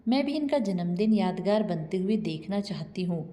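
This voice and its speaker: A woman voicing a gentle, trusting elderly widowed mother who pleads meekly, in a storybook reading with long reverb. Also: medium pitch, expressive, moderate pace, close to an everyday voice. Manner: meek, pleading.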